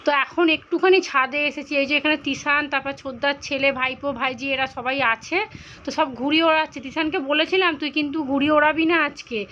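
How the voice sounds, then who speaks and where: A high, bright-voiced woman talks her viewers through her day, hoarse and worn out from a cold. The phone audio is dull and lo-fi, with a faint hiss behind her. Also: fairly even intonation, fairly quick. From India. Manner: tired, unwell, chatty daily account. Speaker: vlogger. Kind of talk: casual vlog chat.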